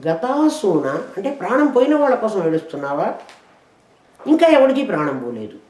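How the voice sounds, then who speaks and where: Woman teacher leading a scripture lesson with rhetorical questions, mellow voice, roomy echo. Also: medium pitch, big pitch swings. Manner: explains verses with rhetorical questions; chants verses slowly. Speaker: spiritual teacher.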